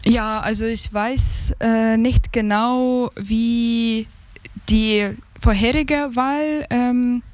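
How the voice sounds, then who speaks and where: A Ukrainian woman in her thirties, an advisory board member, answers as an interview guest in a Ukrainian accent, hesitantly searching for words. Her voice is a little high with fairly even intonation, extremely slow, in a dry recording.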